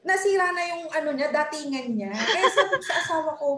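A woman's voice: high voice, animated, brisk, roomy sound, very noisy. A young woman in casual chat, telling an emotional story with laughter and acting out the people she quotes. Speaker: podcast guest.

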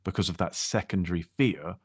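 A man's voice: sits low, fairly quick, husky, dry recording, studio quality. A man co-hosting a podcast, talking through his own experience in a reflective, casual way with frequent restarts. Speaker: podcast co-host.

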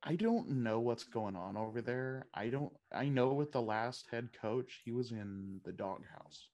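A man's voice: mid-range voice, animated, measured pace, darkish tone. A man co-hosting a fantasy football podcast in casual chat, thinking aloud and often restarting his sentences.

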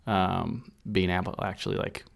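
A man's voice: low-pitched, flat delivery, normal speed, gravelly. A young man guesting on a casual podcast, sarcastic and easygoing, joking around as he talks.

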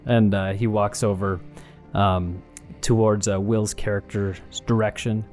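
A man's voice: fairly low pitch, little pitch movement, unhurried, a little mellow. A man narrating a tabletop role-playing game as the game master. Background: faint music.

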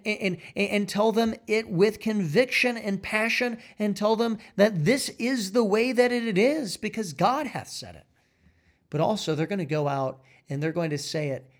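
Guy preaching hard, kinda high voice, keeps hammering the same lines louder and louder. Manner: forceful, repetitive exhortation with rising emphatic peaks. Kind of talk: fiery sermon.

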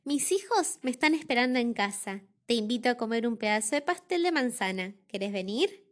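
An Argentine woman voicing a kind, motherly female bear in a storybook reading, warm and gently teasing. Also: a little high, animated, brisk, natural voice. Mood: tender. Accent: Argentine Spanish. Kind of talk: storybook read-aloud.

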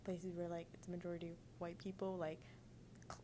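A teenage girl chatting casually, playful and quick with jokes. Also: fairly low pitch, completely flat delivery, warm tone, slight background noise. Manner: playful, quick quips, giggly. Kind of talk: casual chat.

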